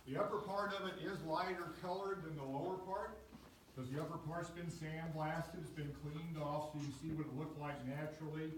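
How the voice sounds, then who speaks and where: A man's voice: a little high, fairly even intonation, fairly quick. A man working as a cave tour guide, explaining things to a group in a plain-spoken way. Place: tour site at and inside a cave. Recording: echoey, distant from mic, background noise.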